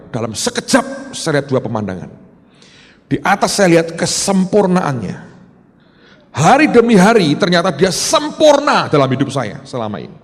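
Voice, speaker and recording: A man preaching a sermon, telling a story that swings from loud cries to hushed whispers. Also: fairly high pitch, in a large hall. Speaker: pastor.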